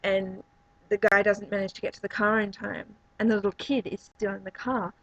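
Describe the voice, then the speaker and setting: Woman reviewer, chatty and meandering, slightly raspy tone, muffled low-fi recording. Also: flat delivery, normal speed, fairly bright tone, dry recording. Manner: rambling, many fillers and restarts. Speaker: movie reviewer. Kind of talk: casual spoken review.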